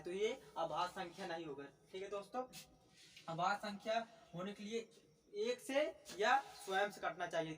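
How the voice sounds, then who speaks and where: A man teaching a maths lesson, asking questions and answering them himself, slowing down to dictate definitions. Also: high voice, a bit bright, distant mic. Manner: repetitive, asks and answers his own questions; slow dictation while writing definitions.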